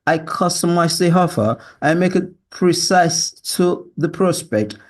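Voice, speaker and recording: Animated yet measured in pace, this Nigerian man, a Yoruba speaker with a learned British accent showing Nigerian influence, presents himself to camera as a sales closer seeking a job. His monologue is assertive, and he frequently tags lines with a questioning "yeah" or "right."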